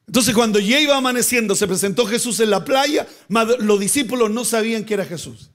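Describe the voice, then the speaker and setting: A male pastor preaches a sermon in a high, fairly bright voice at a brisk pace. He poses rhetorical questions and builds toward rising, emphatic bursts of repeated words and phrases.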